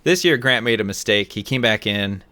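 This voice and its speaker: A man's voice: lowish voice, expressive, normal speed, bright, forceful tone. A man in his thirties, a podcast co-host, telling a long, rambling story in casual chat with lots of fillers.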